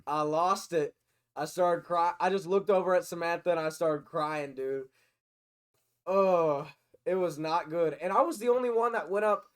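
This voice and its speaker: A young man chatting as a podcast guest, his voice a bit higher than most. He tells a long rambling story, getting loud whenever he breaks into laughter. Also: normal speed, clear, resonant tone. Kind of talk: casual chat.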